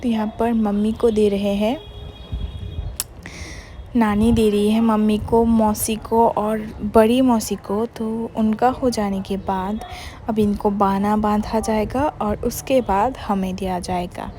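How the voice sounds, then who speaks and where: Young woman vlogger, easy chatty voice-over, mellow tone, light English mixing. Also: mid-range voice, fairly even intonation, takes it slowly, a little hiss or hum. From Bengal, India. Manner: chatty, mixes in English words, many "matlab" fillers. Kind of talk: casual vlog voice-over.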